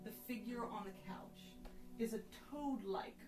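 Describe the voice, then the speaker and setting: Slow-paced woman game master in echoey room. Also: medium pitch. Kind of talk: narrating a live tabletop game. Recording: echoey room, distant mic, music behind.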